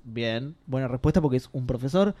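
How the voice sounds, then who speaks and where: A man's voice: medium pitch, animated, a little fast, mellow. A man with a Rioplatense Spanish accent hosting a casual podcast, reading out listener messages and joking with his co-hosts. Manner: laughing, joking, reads messages aloud.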